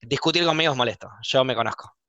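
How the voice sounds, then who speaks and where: A man's voice: mid-range voice, bright, forceful tone, no echo, lo-fi sound. A man with an Argentine Spanish accent, hosting a casual podcast chat, talking with emphatic passion and a taste for arguing. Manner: emphatic, quick to argue. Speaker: host.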